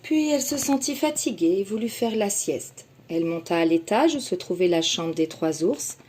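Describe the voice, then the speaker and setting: A kindergarten teacher, a woman, reading a children's story aloud slowly and expressively. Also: lowish voice, expressive, a little mellow, a little hiss or hum.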